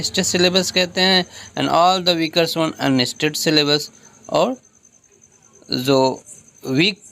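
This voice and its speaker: A man's voice: a little high, sharp tone, no room sound. A man teaching an exam revision lecture, reading lines and explaining them again in Hindi, repeating key points.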